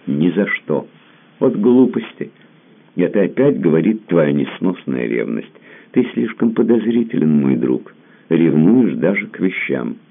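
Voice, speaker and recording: A capricious young woman who teases and pouts like a spoiled child, put on by a man reading a story aloud. His voice stays very low and gravelly underneath. The recording sounds thin and phone-like. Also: very animated, unhurried, heavily acted. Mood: teasing. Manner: teasing, pouting, half childish. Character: capricious coquettish young woman, playful and teasing.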